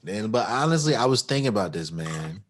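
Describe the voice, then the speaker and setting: A man with a fairly low voice chats on a podcast in a loose, joking way. His voice swings widely up and down as he acts out quotes in funny voices. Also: very animated, fairly quick. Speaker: podcast co-host. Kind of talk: casual chat.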